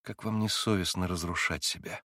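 A man voicing a gentle, serious young monk in an audiobook reading, speaking quietly and gravely. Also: low-pitched, steady tone, fairly quick, no room sound, clean studio sound. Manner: quiet, grave, few words.

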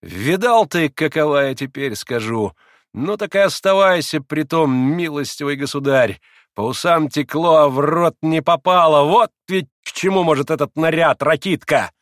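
A man voicing a proud, wild young woman who speaks in impassioned, shrill outbursts. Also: animated, measured pace, no echo, studio quality. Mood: frenzied.

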